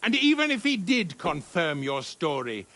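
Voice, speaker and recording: Castle commander, video game, sardonic, condescending, bright, lively pitch. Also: male voice, normal speed, full character voice. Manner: condescending, formal. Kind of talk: video game dialogue acting.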